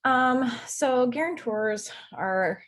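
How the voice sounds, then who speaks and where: A woman's voice: sits high, lively intonation, extremely slow. A woman presenter talking casually about student housing on a video call, chatty with lots of fillers. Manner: chatty, lots of likes and ums. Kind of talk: casual workshop talk.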